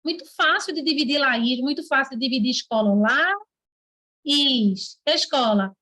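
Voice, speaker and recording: A woman teacher with a Brazilian Portuguese accent explaining letters and syllables in an online lesson, patiently asking rhetorical questions and spelling sounds out slowly. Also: high-pitched, bright, forceful tone.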